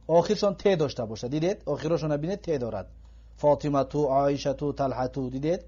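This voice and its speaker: A man giving an Arabic grammar lesson in a classroom lecture style, patiently repeating each example slowly. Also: sits high, a little mellow. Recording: dull lo-fi recording.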